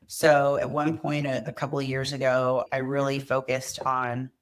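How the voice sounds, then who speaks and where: A woman's voice: extremely low pitch, monotone, normal speed. A woman guest on a podcast interview, speaking earnestly and reflectively about leadership and family, telling candid stories. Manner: reflective, earnest, quotes herself and family with vivid emphasis. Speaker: guest, company executive.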